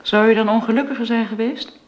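An actress playing a timid, humble young woman who speaks softly and apologetically, heard as in an old radio show. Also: fairly high pitch, steady tone, fast, echoey room, lo-fi sound. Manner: soft-spoken, apologetic. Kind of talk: radio drama acting.

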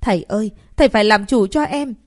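A woman voicing a scheming young female student who scolds and whines in a shrill, accusing tone. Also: fast talker, no room sound, clean studio sound, lightly acted. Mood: whining.

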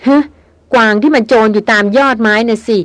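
A woman reading the lines of a sharp-tongued young woman anthropologist, proud and scolding. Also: on the high side, steady tone, fairly quick, no room sound, lightly acted. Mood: tart. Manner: tart and scolding.

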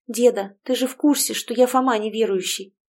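A woman voicing a blunt, skeptical young woman in an audiobook, speaking in excitable, brash bursts. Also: on the high side, brisk, close to an everyday voice. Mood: arguing. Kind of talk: audiobook character voice.

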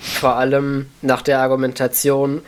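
A man's voice: mid-range voice, monotone, normal speed. Frank man giving opinions on a podcast. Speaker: podcast co-host. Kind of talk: casual chat.

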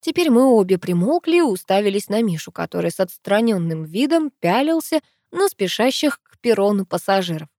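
A woman's voice: medium pitch, sing-song, fairly quick, hardly any pauses, a little mellow, no echo. Dry close woman narrating an audiobook. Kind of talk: first-person audiobook narration.

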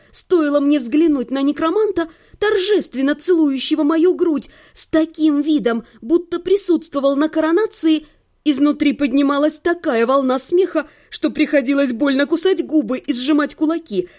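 A woman reads a humorous first-person story aloud in a homemade audiobook. Her voice sits high, with a mellow, soft-edged tone. She gives the narration a playful, ironic lilt and plays up the dramatic exclamations. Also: moderate pace. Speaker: audiobook reader. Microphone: home recording.

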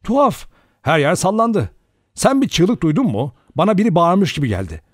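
A cool, sardonic young man who talks bluntly and probes with a teasing edge, voiced by an audiobook narrator. His delivery is lively and full of pitch movement. The recording is dry and close. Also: normal speed, no echo, full character voice. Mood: wry. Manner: teasing, then grave and steady. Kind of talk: audiobook reading.

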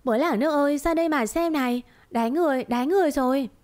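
A woman's voice: moderate pace, close to an everyday voice. A woman voicing a young female servant girl in a storybook reading, anxious one moment and feisty the next. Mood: shrill indignant. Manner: high-pitched pleading and shrill scolding.

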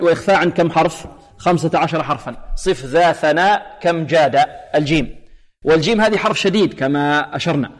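A man teaching Quran recitation rules, explaining and then slowly demonstrating letters and verses. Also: fairly high pitch. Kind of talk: tajweed lesson with recited examples. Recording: long hall reverb.

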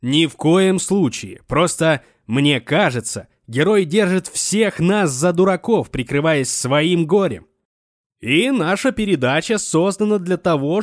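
A man voicing a pushy, theatrical TV show host, loud and insistent. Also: high voice, no room sound, clean studio sound, pitched above the performer's own voice.

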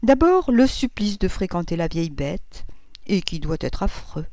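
A refined, witty gentleman with a lightly ironic turn of phrase, as a woman narrator reads him. The delivery sits slightly raised over a mellow, warm tone, recorded dry and close. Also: lowish voice, sing-song, normal speed, dry recording.

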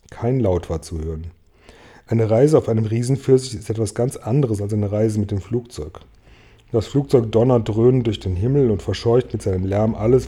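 A man reading a children's storybook aloud in a calm, measured way. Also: fairly low pitch, slightly rough. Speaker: audiobook reader. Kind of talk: storybook narration read aloud.

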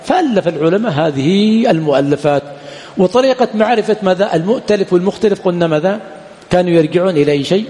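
A man teaching a classroom lecture on hadith sciences, repeatedly pausing to quiz his students on the next word. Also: sits high, lively intonation, warm tone, big-room sound. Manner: quizzes students with repeated "what?" prompts. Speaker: Islamic studies teacher. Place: lecture hall at a study center.

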